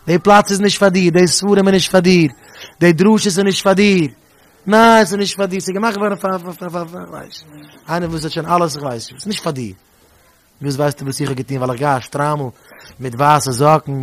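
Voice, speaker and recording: A man telling stories in a sermon, animated and emphatic, often repeating his phrases. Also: a little high. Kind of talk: storytelling sermon.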